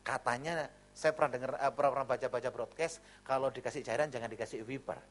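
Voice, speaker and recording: A man's voice: medium pitch, quick pace. A middle-aged man from Java, a pastor preaching a sermon with jokes and acted-out voices. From Java, Indonesia. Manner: lively, joking storyteller, acts out voices.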